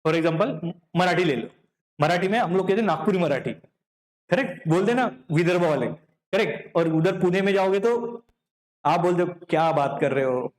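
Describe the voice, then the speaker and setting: A high-pitched man lectures a class in a chatty, explanatory way. He keeps checking in with his students, asking whether they follow. His voice rings in an echoey classroom. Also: normal speed. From Vidarbha, Maharashtra. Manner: checks in with the class often, asking "correct?" and "clear?". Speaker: teacher. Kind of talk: classroom lecture in Hindi mixed with English.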